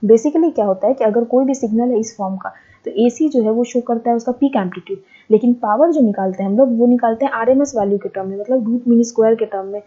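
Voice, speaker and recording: Speaking quickly in a husky, very dark and mellow voice that sits a bit high, a female lecturer patiently derives formulas on the board. She repeats steps and questions herself as she goes, captured in dull, muffled lo-fi audio.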